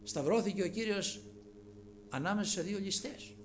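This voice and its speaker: A man delivers a sermon, his voice rising to loud, emphatic peaks and dropping to low, murmured asides. He keeps calling the congregation brothers, and there is noise in the background.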